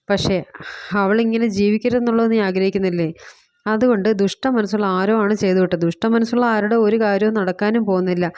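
A woman's voice: mid-range voice, a little mellow, no echo, studio quality. A woman chattily retelling a TV serial episode, quoting the characters as she goes. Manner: chatty, fillers like "kettō", quotes characters inline. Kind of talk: casual spoken recap of a TV serial.

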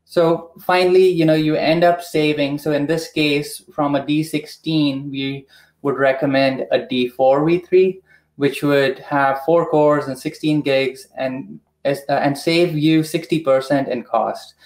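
A man explaining a technical process on a video call, measured and methodical, with frequent pauses and "uh" fillers. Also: on the high side, fairly even intonation, a little mellow. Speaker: product expert guest. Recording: echoey room.

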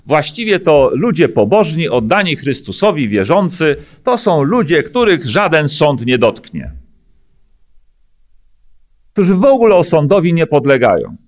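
A man's voice: a little high, big pitch swings, measured pace. A middle-aged man from Poland, a pastor, preaching a sermon at a lectern, with earnest emphatic questions and frequent hesitant fillers. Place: church hall stage at a lectern. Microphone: lectern microphone.

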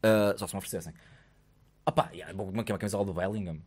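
Portuguese man in his thirties, podcast co-host, quick animated storyteller who swears freely. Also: low voice, husky. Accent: European Portuguese. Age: 30s. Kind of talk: casual chat. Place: studio with blue lighting, indoors. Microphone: studio mic on arm.

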